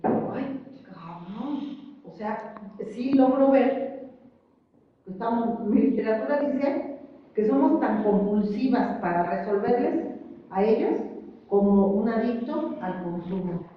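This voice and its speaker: A middle-aged woman speaks at a support group, sharing her story with emotion and acting out the voices of others. Her voice sits a little high. She is picked up from far off in a large echoing hall, and the sound is muffled. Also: animated, measured pace. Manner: emotional, acts out other voices, self-mocking. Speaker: group member sharing testimony. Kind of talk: personal testimony at a support group. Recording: echoey hall, distant mic, muffled.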